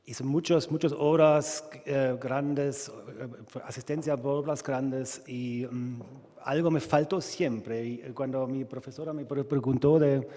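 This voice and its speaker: A man from Germany with a German accent, presenting as a non-native speaker, haltingly and searching for words. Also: medium pitch, fairly even intonation, mellow. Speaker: sculptor presenting own work. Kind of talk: informal conference presentation. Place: reverberant hall at a colloquium. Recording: echoey hall with long reverb.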